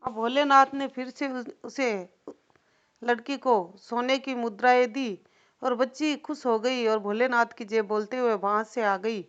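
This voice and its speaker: A woman's voice: on the high side, fairly even intonation, measured pace, clear, resonant tone. A woman telling a devotional folk story in a loose, repetitive oral style, with asides to the listener. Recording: dull lo-fi recording.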